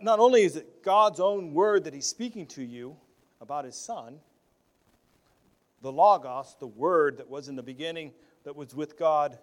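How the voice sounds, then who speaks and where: Earnest, fairly high-voiced man preaching. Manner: earnest, repeats words as he restarts, swings between loud stress and soft asides. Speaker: pastor. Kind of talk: sermon.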